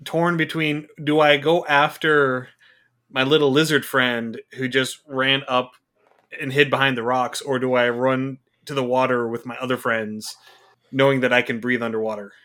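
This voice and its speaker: A man's voice: medium pitch, fairly even intonation, moderate pace, bright, forceful tone. A man chatting casually as a player in a tabletop role-playing game.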